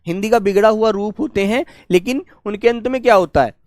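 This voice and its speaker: A man teaching a grammar class for exam students, warmly coaxing and asking questions that he then answers himself. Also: sits high, no echo, clean studio sound. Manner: warm coaxing, calls students "beta", asks and answers his own questions; stretches key words slowly while dictating notes.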